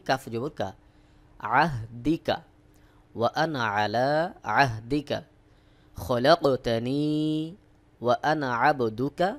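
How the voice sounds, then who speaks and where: A man with a Bangladeshi accent teaching Arabic recitation, spelling out each syllable slowly and then repeating the joined word. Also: medium pitch. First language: Bengali.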